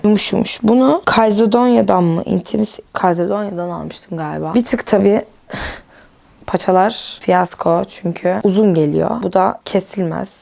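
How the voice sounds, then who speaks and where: A woman's voice: lowish voice, creaky, a little mellow. A young woman vlogging in a rambling, chatty stream of thought while she sorts her wardrobe, laughing often. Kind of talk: casual stream-of-consciousness chat.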